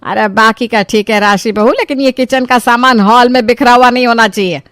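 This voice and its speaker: A woman's voice: a little high, steady tone, fairly quick, a bit bright, no room sound, studio quality, natural voice. A woman voicing an exasperated, sarcastic middle-aged mother-in-law scolding her daughter-in-law in a cartoon story. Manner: nagging, sarcastic.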